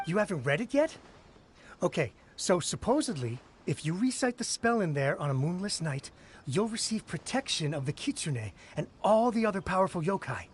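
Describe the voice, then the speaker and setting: A man's voice: high voice, big pitch swings, moderate pace, husky, heavily acted. A man voicing a gossipy young townsperson in a game, eagerly passing on rumours.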